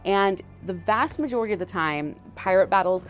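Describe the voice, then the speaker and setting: A woman's voice: medium pitch, animated, moderate pace, soft background music. A woman historian explaining as a guest in a casual way, full of "like" and "you know". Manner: chatty, filler-heavy with frequent 'like, you know'.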